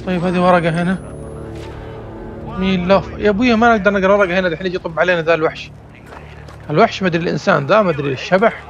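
A young man talks his way through a horror game in a slightly high, gravelly voice. He mutters nervous remarks and little gasps as he goes, with faint game music underneath. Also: muffled recording. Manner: talks himself through each step with nervous exclamations. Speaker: gamer. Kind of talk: horror game let's play commentary.

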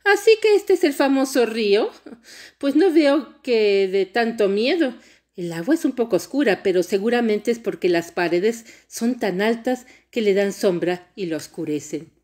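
A woman's voice: mid-range voice, expressive, normal speed, few pauses, a little mellow, lightly acted. A woman voicing a fearless, proud young girl princess in a storybook read-aloud, talking boldly and haughtily. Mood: delighted. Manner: bold, haughty.

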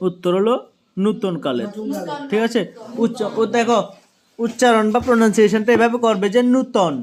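Young male tutor, Tripura Bengali accent, high voice, repetitive exam walkthrough. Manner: repeats each answer, checks with "right?". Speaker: teacher.

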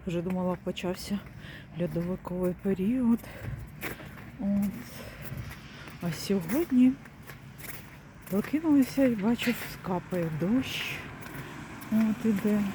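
A woman's voice: mid-range voice, slow pace, long pauses. Woman walking around outside filming herself on her phone, chatting to viewers, lots of wind noise. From Ukraine. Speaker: vlogger. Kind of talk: casual chat to viewers. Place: outdoors in rain and wind, walking. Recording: loud outdoor wind noise.

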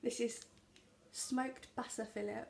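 Young woman vlogger, chatty label-reading haul talk, slight gravel, echoey kitchen with noise behind. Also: on the high side, fairly even intonation, slow pace. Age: young adult. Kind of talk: casual grocery haul vlog. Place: small home kitchen, indoors. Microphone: camera at arm's length.

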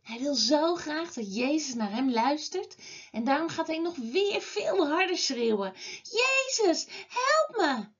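A woman teaching a children's Bible class, telling a story to children in an expressive way. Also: high-pitched, dull audio. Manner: slow, expressive, lively telling.

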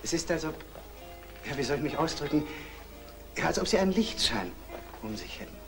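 An actor playing a charming male painter who courts a young woman, with a soft, persuasive manner, in old German film acting. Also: on the high side, big pitch swings, brisk, over music.

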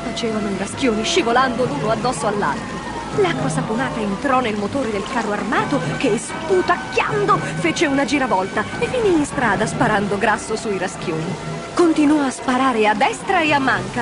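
A woman storyteller narrating a children's tale in an expressive, animated way. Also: high-pitched.

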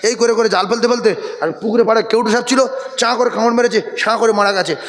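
A man delivers a sermon in a high, lively voice. He tells comic stories and urges his listeners to answer him louder. The sound carries a long reverb, as in a large venue. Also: fast talker. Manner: animated, calls on the crowd to repeat loudly. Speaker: Islamic preacher. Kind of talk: Bengali waz sermon.

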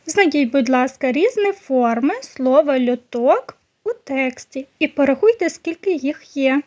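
A woman primary school teacher giving a recorded lesson to young children, slowly and patiently explaining each word. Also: high voice, lively intonation, darkish tone.

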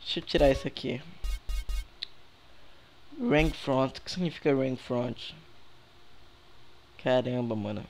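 A young man with a Brazilian Portuguese accent talks through a game in a loose, slangy way. He chats with his viewers as he plays, speaking into a headset microphone at a middle pitch. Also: slow, long pauses, faint music behind. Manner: relaxed, slangy, chatty with viewers. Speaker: gaming youtuber. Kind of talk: casual gameplay commentary.

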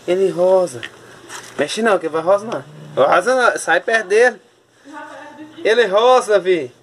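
A woman's voice: on the low side, measured pace. A woman, narrating a casual home video and coaxing her cat while she talks to the viewers. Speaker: pet owner filming her cat.

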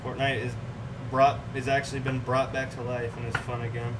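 A young man prepares food in his kitchen while hosting a laid-back cooking livestream and chatting with his viewers. He talks briskly at a medium pitch with little pitch movement. A distant mic captures plenty of room noise.

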